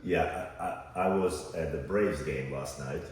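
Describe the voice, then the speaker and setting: With a bass voice that is a little mellow, a man co-hosting a podcast rambles reflectively at a measured pace, leaning on plenty of fillers in casual conversation. The recording has an echoey room, distant mic placement and faint noise.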